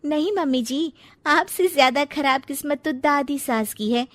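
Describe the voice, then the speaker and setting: A woman voicing a sassy young daughter-in-law, very high. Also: measured pace, a bit bright, dry recording. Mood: defiant. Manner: sassy, talks back. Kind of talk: storybook drama acting.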